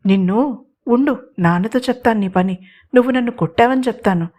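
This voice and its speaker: A woman voicing a bossy, quick-tempered younger sister who scolds and teases in a raised voice. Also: on the high side, darkish tone, voice pushed up, lightly acted. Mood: huffy.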